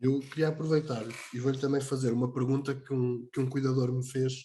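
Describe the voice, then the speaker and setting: A man with a European Portuguese accent hosts the session and puts questions to his guest. His voice is mid-pitched, and he speaks hesitantly, stopping to find the right words. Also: level tone, brisk, warm tone. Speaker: session host. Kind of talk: moderating a talk session.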